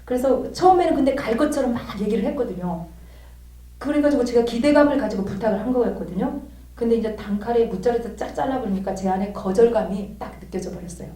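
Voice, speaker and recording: Woman, church theology lecturer, animated storyteller, slightly high voice, far-off mic, roomy echo. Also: fast talker. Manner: animated storytelling, acts out quoted dialogue. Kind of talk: church lecture with personal example.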